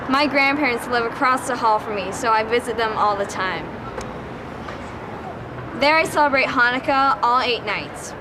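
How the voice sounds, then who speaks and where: Brief: teen girl, matter-of-fact narration, outdoor street noise. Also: on the high side. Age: teens. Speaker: student. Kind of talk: scripted personal narration.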